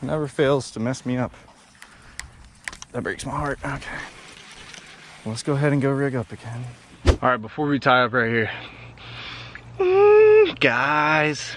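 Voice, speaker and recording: A young man vlogging while bank fishing at a pond outdoors, talking in excited slang and bursting into shouts. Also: mid-range voice, normal speed, long pauses, noisy background. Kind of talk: excited outdoor vlog commentary.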